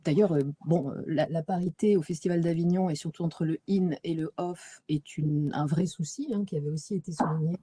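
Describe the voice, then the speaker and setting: A woman's voice: low voice, fairly even intonation, a little fast, hardly any pauses, dark tone, breathy edge, no echo. A woman moderating an academic webinar over a video call, hesitant with many restarts and fillers.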